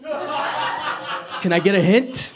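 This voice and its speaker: A man's voice: extremely high pitch, lively intonation, drawn-out words, noisy background, exaggerated voice. A man playing a needy, melodramatic city school that whines and pleads in a comedy sketch. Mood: pleading.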